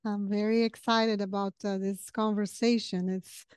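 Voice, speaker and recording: This podcast host, a middle-aged woman from southern Brazil whose first language is Portuguese, interviews a guest conversationally on a video call from her home study with bookshelves. Close on a boom-arm podcast mic, she speaks at normal speed in a smooth, darkish, mid-range voice with a level tone and a Brazilian accent. The recording is dry.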